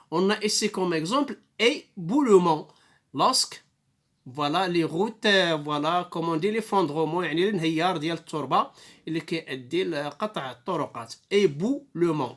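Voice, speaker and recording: Moroccan-accented male teacher, patient and repetitive, reads syllables out slowly. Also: sits high, fairly bright tone. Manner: slow, patient explanations with many repetitions; drawn-out sounds when spelling. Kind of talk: online reading lesson.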